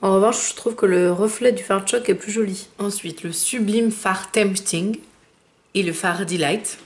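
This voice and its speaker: A woman with a chatty manner, reviewing eyeshadow palettes and slowing down to name each shade. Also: medium pitch. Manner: chatty, fillers, slows down when naming shades. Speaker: beauty vlogger. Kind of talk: makeup review with swatches.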